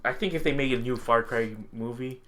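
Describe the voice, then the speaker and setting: A man co-hosts a podcast, talking fast in a sharp, mid-range voice. He chats casually and informally about games and films, now and then swearing or chuckling.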